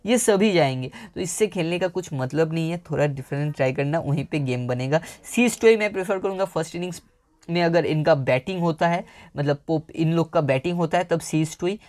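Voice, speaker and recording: A man's voice: fairly high pitch, fairly quick, a little mellow. A man chatting casually to viewers, giving fantasy cricket team advice with frequent fillers, recorded on a home mic. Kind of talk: casual analysis talk to viewers.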